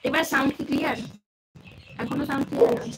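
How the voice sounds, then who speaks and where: Speaking very fast in a high, animated voice, a woman hosts a casual devotional livestream, greeting her viewers and asking them questions over and over. The livestream audio is clearly noisy and has clicks.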